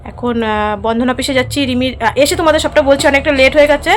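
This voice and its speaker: A middle-aged woman, a mother vlogging in a hurried, chatty way with many fillers. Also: high voice, level tone. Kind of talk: casual vlog narration.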